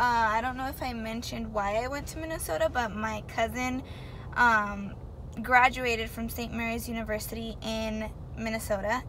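A young American woman in her twenties from Tucson, Arizona, chats casually as a vlogger while driving, recorded on a camera mounted on the dashboard. The car interior is noisy, with loud road rumble and car noise in the background.

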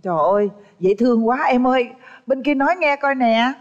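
A woman's voice: high voice, a little fast, long reverb tail, muffled recording. A woman co-hosting a dating show, chatting casually and teasing the contestants with effusive praise. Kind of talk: casual chat.

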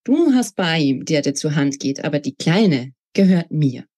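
A woman's voice: low-pitched, very animated, a little slow, mellow, slightly rough, heavily acted. A woman voicing a spiteful, scornful young woman in a read-aloud novel, talking in a mocking, sneering way.

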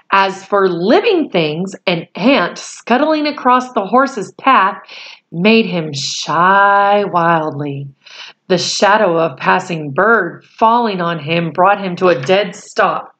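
Indoors in a small home room, a forties-aged woman with a lowish, slightly bright voice reads a children's storybook aloud. She moves deliberately, pausing after each phrase and stopping to explain things.

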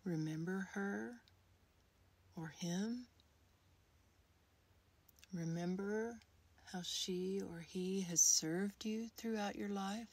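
A woman who is a creativity coach leads a guided meditation as gentle scripted narration, speaking very slowly and breathily. Her medium-pitched, slightly mellow voice is soothing and unhurried, with long pauses between short phrases.

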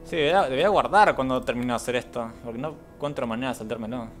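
A man's voice: medium pitch, very fast, a bit bright, soft background music. A young man, streaming a game, reading the game's text aloud and reacting with casual, sarcastic, swearing asides.

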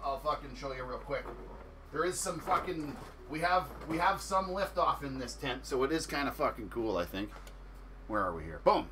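A man's voice: mid-range voice, fairly bright tone, slight background noise. A man chatting casually on a livestream about his grow tents, rambling, swearing constantly and laughing often. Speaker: home grow vlogger.

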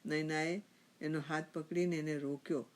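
A woman storyteller narrating a written family tale. Her delivery is measured and even, keeping a steady reading pace between the characters' lines. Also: sits low.

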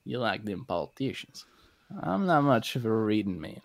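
A man's voice: on the low side, sing-song, normal speed, gravelly, no room sound, clean studio sound. A man playing a bumbling cowboy outlaw in a wheelchair in an improvised comedy sketch, flustered and laughing. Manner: flustered, laughing, yelling when pestered. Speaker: comedy podcast performer.

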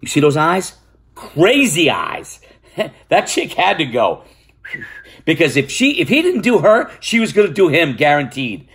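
An older man giving a casual, animated opinion rant on his vlog, exasperated and swearing freely between fillers. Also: fairly high pitch, moderate pace, slightly rough. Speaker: vlogger.

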